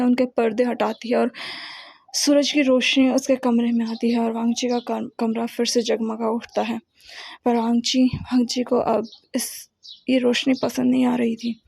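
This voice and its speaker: A woman's voice: on the high side, flat delivery, moderate pace, vocal fry, darkish tone, breathy edge. A woman narrating an emotional love story, often repeating her words as she goes.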